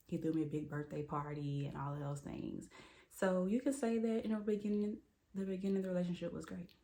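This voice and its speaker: A woman with a low, gravelly voice, talking through a personal story. She sounds candid and conversational, with lots of "like"s and pauses. Her tone is dark and mellow. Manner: candid, conversational, many fillers and "like"s. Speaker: storyteller vlogger. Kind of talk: casual storytime monologue.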